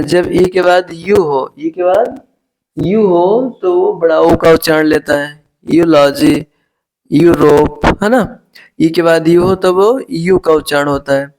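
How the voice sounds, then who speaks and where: A man's voice: a little high, vocal fry, a little mellow. A man teaching English pronunciation rules in Hindi, spelling words letter by letter and repeating each word as he addresses viewers as friends. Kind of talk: spoken phonics lesson.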